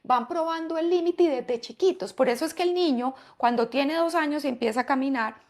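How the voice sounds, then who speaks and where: A woman's voice: sits high, fairly quick, a little mellow. A woman psychologist, explaining parenting ideas in a podcast interview, often asking rhetorical questions. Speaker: psychologist and parenting expert guest.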